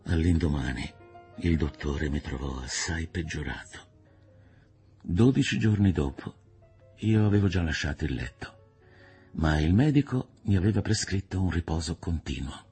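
A man narrating a classic novel in the first person, measured and somber, with a husky, gravelly voice. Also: a bass voice, lively intonation, dark tone, faint music behind. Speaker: audiobook narrator. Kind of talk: literary audiobook narration.

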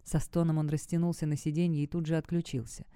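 Woman audiobook narrator, low and mellow, tense first-person storytelling, close mic. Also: little pitch movement, fast, clean tone, dry recording.

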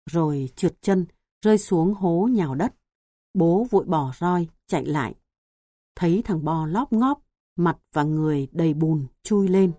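Low dark-toned woman narrator. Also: no echo, studio quality. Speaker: audiobook narrator. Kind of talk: storybook narration.

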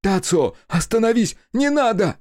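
A man's voice: fairly low pitch, normal speed, mellow, no echo, clean studio sound, lightly acted. A man voicing a nasal, guilt-ridden young man in an audiobook. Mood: sobbing.

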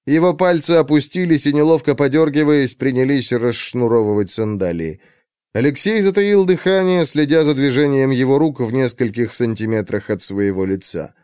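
A man narrating an audiobook in a measured, suspenseful storytelling manner. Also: mid-range voice, expressive, darkish tone, clear, resonant tone, no echo, studio quality. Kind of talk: scripted narration.

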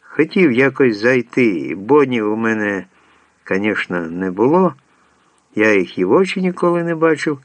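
A man's voice: mid-range voice, animated, moderate pace, dry recording, natural voice. A man voicing a timid, nervous drinking companion who talks in a hesitant, sighing way.

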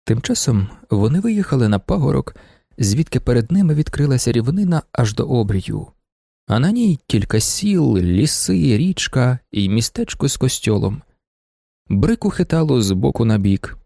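A man narrating an audiobook in an expressive, measured way. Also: medium pitch, creaky, no echo, studio quality. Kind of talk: scripted narration.

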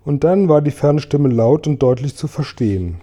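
A man reading a children's book aloud in a calm, expressive narrating manner. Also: on the high side, moderate pace. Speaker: audiobook reader. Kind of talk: storybook narration.

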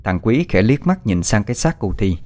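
A man narrating a horror story in a slow, measured way. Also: fairly low pitch, sing-song, darkish tone.

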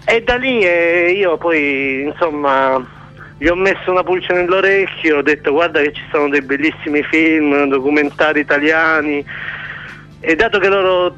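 A man's voice: on the high side, normal speed, sharp tone. A man, a documentary director, calling into a radio interview over the phone, rambling with lots of hesitant fillers. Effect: heard over the phone. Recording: dull lo-fi phone line, faint music.

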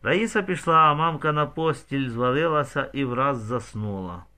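A man's voice: mid-range voice, moderate pace, pushed and bright. A man narrating a novel as an audiobook, telling the story expressively with vivid shifts in tone.

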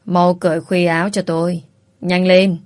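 A woman's voice: on the low side, level tone, moderate pace, darkish tone, lightly acted. A woman reading a sneering, pushy grown man. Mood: impatient. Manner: sneering, impatient commands. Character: arrogant, mocking grown man, pushy and cold.

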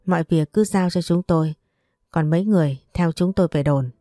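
Lady reading a cop giving orders, brisk, low warm voice. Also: no room sound, clean studio sound, soft background music, close to an everyday voice. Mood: commanding. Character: police officer, brisk and commanding.

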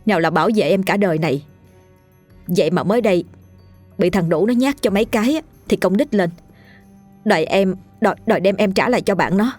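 A woman's voice: medium pitch, brisk, pauses often, a little mellow, faint music behind, natural voice. A woman voicing a furious, foul-mouthed young village wife who screams curses in a breathless rush, in an audio ghost story.

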